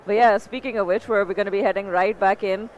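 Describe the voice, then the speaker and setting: A woman's voice: mid-range voice, steady tone, a little mellow, lo-fi sound, slight background noise. A woman co-commentating a live fighting-game tournament in a bubbly, playful way. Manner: bubbly, playful, quick to laugh. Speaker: esports co-commentator.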